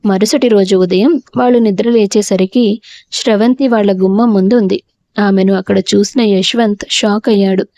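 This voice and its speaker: A woman narrating a family drama audio story in a steady storytelling voice. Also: medium pitch, moderate pace, dry recording.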